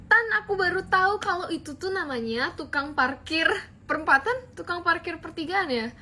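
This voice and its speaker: A woman's voice: very high-pitched, sharp tone, slight background noise. A young woman from Bali telling a chatty, slangy comic story. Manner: chatty, playful slangy delivery. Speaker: comedy skit creator. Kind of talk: comic school skits and storytime.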